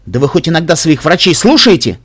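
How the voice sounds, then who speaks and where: A man's voice: on the high side, very animated, a little fast, fairly bright tone, slightly rough, no room sound, pitched above the performer's own voice, heavily acted. A man voicing a serious male pony doctor who speaks firmly. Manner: firm, serious.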